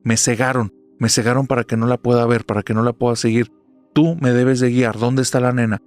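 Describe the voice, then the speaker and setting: A man's voice: mid-range voice, little pitch movement, brisk, darkish tone, faint music behind, natural voice. A man voicing a stern older grandmother who speaks in curt, commanding orders in a spoken horror story. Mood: stern, urgent. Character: stern old grandmother, woman, knowing and commanding.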